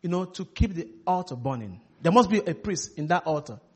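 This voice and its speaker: A man's voice: a little high, lively intonation, fairly quick, darkish tone, husky. A man preaching a sermon line by line for an interpreter, emphatic, repeating phrases and leaning on filler words.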